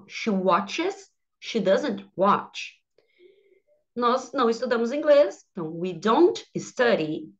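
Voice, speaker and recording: A woman English teacher with a Brazilian Portuguese accent giving an online grammar lesson, slowing down to model example sentences. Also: mid-range voice, lo-fi sound.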